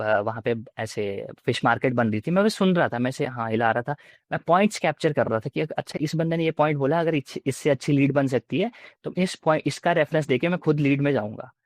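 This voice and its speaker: A man's voice: medium pitch, no echo. Young man with an Indian accent, recounting. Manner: mixes Hindi and English, acts out officers' lines. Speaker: interviewee, defence exam candidate. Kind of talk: casual interview storytelling.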